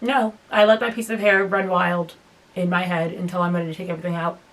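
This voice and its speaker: A woman's voice: on the low side, little pitch movement, quick pace. A young woman chatting casually to camera at home while braiding her hair, exasperated and self-mocking. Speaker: hair vlogger. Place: at home, indoors.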